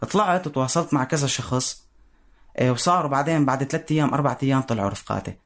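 A man with a Syrian Arabic accent giving personal spoken testimony in a halting way, searching for words. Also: mid-range voice, fairly bright tone.

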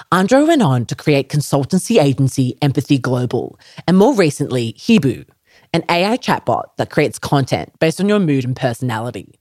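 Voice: medium pitch, a little mellow, dry recording, studio quality. A podcast host reading an intro and chatting with a guest in an upbeat, enthusiastic way. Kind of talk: scripted intro and casual interview.

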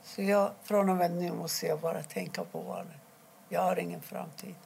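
A middle-aged woman from Iran, telling her own story in an interview, quietly and haltingly, with many pauses. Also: fairly low pitch, very animated, creaky, slight background noise. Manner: halting, quiet and emotional, pausing often. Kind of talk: personal testimony interview.

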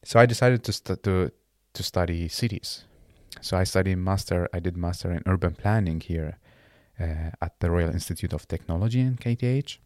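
His voice is very deep and darkish, captured close with no room sound at all. He's a guest in a casual interview, a man in his late twenties originally from Iraq and not an English speaker, who halts and restarts phrases as he gropes for words.

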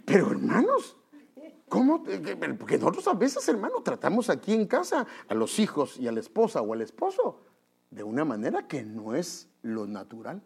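A man preaching in with a slightly husky voice. His pitch swings widely as he talks straight to the congregation, calling them brothers. He acts out little scenes as he goes. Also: normal speed. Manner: animated, acts out quotes in high voices; conversational, addresses listeners as brother. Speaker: pastor. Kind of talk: preaching a sermon.

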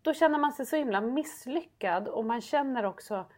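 A woman's voice: high-pitched, expressive, darkish tone. A woman in her thirties, a podcast co-host in casual chat, speaking earnestly and reflectively while searching for her words.

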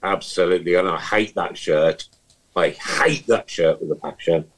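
A man's voice: low-pitched, normal speed, low-quality recording. A man co-hosting a casual podcast, signing off in a jokey, mock-sincere way and laughing often. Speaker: podcast co-host.

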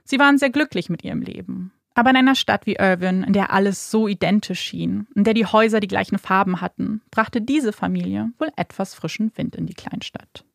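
A woman narrating a true-crime podcast in a measured, dramatic storytelling manner. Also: mid-range voice, gravelly, no echo, studio quality.

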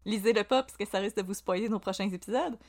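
A woman's voice: medium pitch, fast talker, darkish tone. A woman with a Québécois French accent co-hosting a podcast in an easygoing, joking way. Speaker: podcast co-host. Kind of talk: casual podcast chat.

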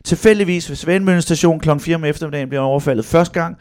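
A middle-aged man telling family stories in a casual podcast chat, acting out quotes in shifting voices. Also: on the high side. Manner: animated storyteller who acts out quotes in shifting voices.

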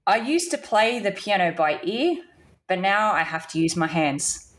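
A woman's voice: mid-range voice, very animated, a little slow, fairly bright tone. A woman hosting a podcast, trading dad jokes in playful, giggly casual chat. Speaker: podcast host.

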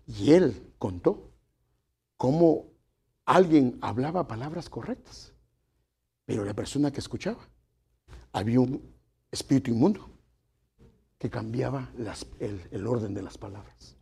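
A man's voice: mid-range voice, animated, unhurried, vocal fry, pauses often, a little mellow, breathy edge. A middle-aged man, preaching a folksy sermon to his congregation and addressing them as brothers. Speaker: pastor.

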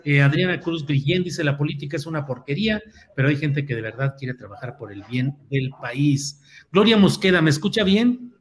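A man's voice: mid-range voice, moderate pace, hardly any pauses. A man with a Mexican accent hosting a live online news and interview show without a script.

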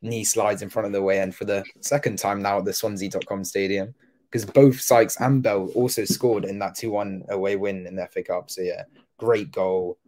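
A man's voice: fairly low pitch, fairly even intonation, normal speed, a little mellow. A man co-hosting a football podcast, going over a match in casual chat, rambling with many fillers.

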